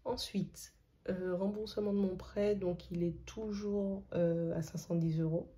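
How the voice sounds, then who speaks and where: A woman's voice: on the low side, fairly even intonation, unhurried, mellow, husky. A woman from Martinique with a Martinican French accent, chatting casually to camera as a budgeting vlogger and thinking aloud with frequent fillers.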